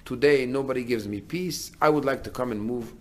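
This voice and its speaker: A man's voice: medium pitch, a little fast. A middle-aged man, a rabbi, giving a sermon in an earnest way, building to emphatic declarations.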